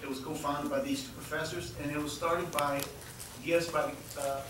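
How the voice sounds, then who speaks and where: A Texan man in his fifties hosts an event, introducing a presentation with friendly jokes and the occasional repeated word. His voice sits on the high side with little pitch variation and a moderate pace. The recording is noisy and distant in an echoey hall.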